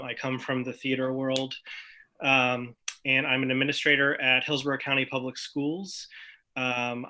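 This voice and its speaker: Man with a flat, sharp-toned voice. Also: medium pitch. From Tampa, Florida. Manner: even, matter-of-fact. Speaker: school administrator.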